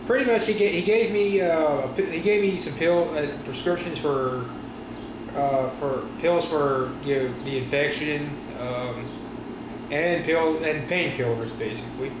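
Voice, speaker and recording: A man talking casually in a personal vlog after wisdom teeth surgery, with a sore stiff jaw, halting and often correcting himself. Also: fairly high pitch. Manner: halting, rambling, frequent self-corrections. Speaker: vlogger. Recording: roomy echo with steady room noise.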